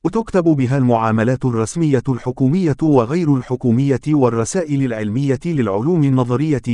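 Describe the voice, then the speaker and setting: A man giving scripted documentary narration, reading facts and figures in a steady, even way. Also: mid-range voice, fast talker, no room sound, clean studio sound.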